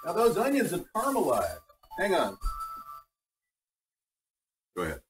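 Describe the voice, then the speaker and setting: Here a man rambles through a casual cooking livestream in his home kitchen, talking to chat as he cooks. His voice sits high with huge pitch swings and a slightly slow pace. He's recorded from a distance through his gaming laptop's built-in mic, sounding tinny like a tin can, with faint noise and music in the background.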